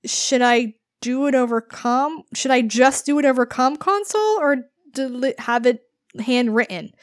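A woman's voice: sits high, moderate pace, dry recording, clean studio sound, lightly acted. A woman doing a flustered young nobleman. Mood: unsure. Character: flustered young nobleman unsure how to apologize.

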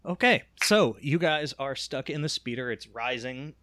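A man narrating a tabletop game as game master, explaining rules with many pauses and restarts. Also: mid-range voice, animated, pushed and bright, dry recording. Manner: rambling, many ums and restarts.

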